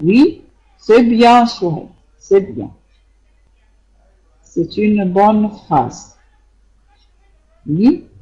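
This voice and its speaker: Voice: mid-range voice, lively intonation, extremely slow, long pauses, warm tone, muffled recording. A French teacher with Arabic as a first language, correcting students' sentences in an online class, hesitant with many fillers and patient repetition. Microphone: computer microphone in an online class.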